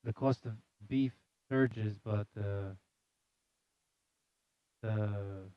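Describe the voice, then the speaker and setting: This live news commentary host reads headlines very slowly in a lowish, steady voice, then mocks them with sarcastic, mock-serious repetition on his casual comedy show. Music plays behind him, and the audio is dull with slight background noise.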